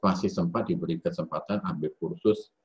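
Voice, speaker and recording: Low-voiced priest, halting and reflective. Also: male voice, a little mellow, breathy edge, poor audio. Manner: halting, with many fillers and self-corrections. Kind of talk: reflective spoken lecture. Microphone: video call.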